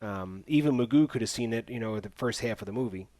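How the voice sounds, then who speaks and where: A man's voice: on the low side, quick pace, darkish tone, dry recording. A man hosting a casual podcast, recapping a movie's plot with sarcastic asides. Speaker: podcast host. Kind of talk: casual movie review chat.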